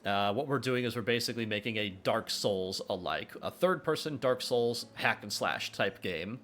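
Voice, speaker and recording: Streaming himself making a game, a young man speaks in a lowish, expressive voice that's a bit bright, at a moderate pace. He rambles casually, filling his speech with fillers and restarts, joking and reading viewers' chat questions aloud, with faint music and slight noise behind him.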